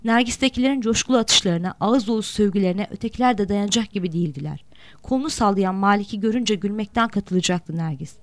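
A woman narrating a novel in a steady, measured reading voice. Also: mid-range voice, dry recording. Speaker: audiobook narrator. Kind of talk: storybook narration.

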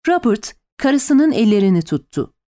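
A woman reading a historical novel aloud in the first person, dramatic and expressive. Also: on the high side, a little slow. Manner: expressive, lively storytelling. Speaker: audiobook narrator.

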